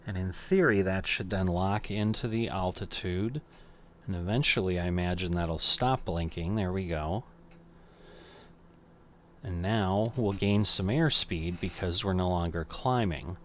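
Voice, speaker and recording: A man's voice: low-pitched, slight background noise. An older man casually commenting on a flight simulator game, thinking aloud and correcting himself as he goes. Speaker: flight sim streamer.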